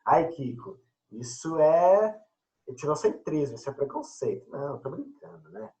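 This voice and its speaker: A man's voice: a little high, big pitch swings, unhurried, a little mellow, poor audio. A man teacher chatting casually and joking with his students during an online class.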